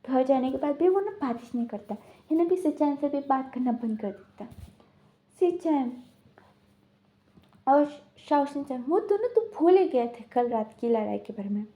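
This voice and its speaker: A woman's voice: high voice, lively intonation, normal speed, muffled recording. A woman casually retelling a drama's plot in a rambling way, full of filler words. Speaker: storyteller.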